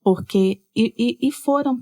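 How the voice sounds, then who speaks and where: A woman's voice: fairly high pitch, unhurried. A woman from Espírito Santo hosting a podcast, talking animatedly and tagging her sentences with "né?". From Espírito Santo, Brazil. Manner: animated, with lots of "né?" tags. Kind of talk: casual conversation.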